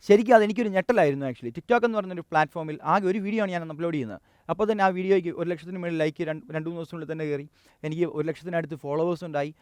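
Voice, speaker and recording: A young man from Kerala, an English teacher, giving an energetic, direct stage talk that urges the audience on, often restarting and correcting himself mid-sentence. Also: high-pitched, smooth, dry recording, clean studio sound. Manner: frequent self-corrections and restarts. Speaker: English teacher and motivational speaker.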